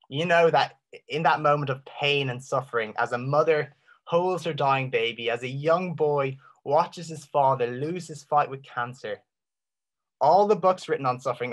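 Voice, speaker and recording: A man's voice: mid-range voice, fairly bright tone. Irish man giving an earnest faith talk. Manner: rhetorical questions with dramatic pauses, rising and falling intensity. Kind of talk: apologetic talk.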